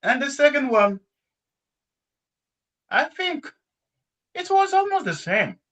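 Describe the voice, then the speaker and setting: This guest is a man from Congo speaking English, not his first language, as he talks casually with a class about learning languages. His voice is very high-pitched and his pace is slow. Lively and expressive, he laughs often.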